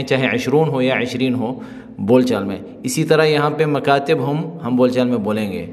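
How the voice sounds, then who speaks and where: A man's voice: mid-range voice, long reverb tail. A man teaching spoken Arabic, explaining patiently and repeating each phrase so students can drill it. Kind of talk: spoken language lesson.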